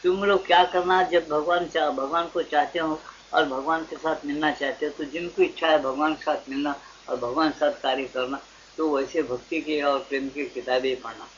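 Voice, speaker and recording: An older man from India delivers a spiritual discourse, often pausing to ask his listeners questions. His voice sits a little high for a man. It reaches us on a dull, lo-fi archival tape with a faint hiss underneath. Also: steady tone, fairly bright tone. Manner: asks listeners rhetorical questions and acts out dialogues. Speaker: spiritual teacher. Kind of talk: devotional discourse to an audience. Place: satsang gathering hall.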